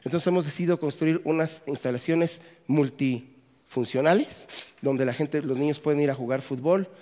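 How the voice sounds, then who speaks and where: A Mexican pastor delivers a conference sermon in a Mexican Spanish accent, cracking jokes and putting questions to the audience. His voice is a little high and warm, at a normal speed. A long hall reverb surrounds him.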